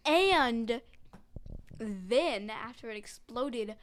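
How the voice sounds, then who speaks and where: A woman's voice: fairly high pitch, expressive, extremely slow. A young woman guest on a podcast, eagerly adding playful twists to an improvised silly story. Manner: eager, playful, jumps in with new plot twists.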